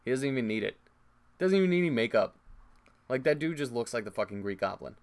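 A man's voice: medium pitch, expressive, quick pace, clear, resonant tone. Crude, sarcastic young man riffing. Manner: crude, sarcastic, swears freely. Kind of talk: casual movie chat.

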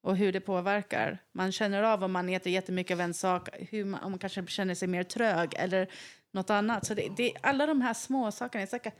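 A woman's voice: medium pitch, fairly even intonation. A woman in a casual group chat, talking animatedly and laughing often. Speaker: guest in group talk.

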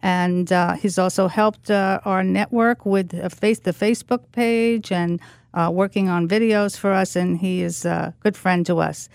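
A woman's voice: lowish voice, fairly even intonation, unhurried, vocal fry, darkish tone, smooth, no room sound. A woman hosting a radio interview, who asks friendly, leading questions. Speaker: radio show host.

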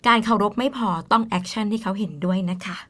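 A woman's voice: medium pitch, fairly even intonation, fairly quick, fairly bright tone. A woman with a Thai accent co-hosting a radio English lesson, explaining in Thai and repeating in simple English. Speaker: radio co-host.

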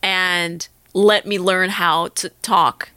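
A young actor and musician from Northern California speaks in a candid conversational interview, her accent marking where she's from. Her fairly low, sharp, resonant voice stays fairly even and slow, clear with no room sound. She thinks aloud earnestly and reflectively, often restarting sentences.

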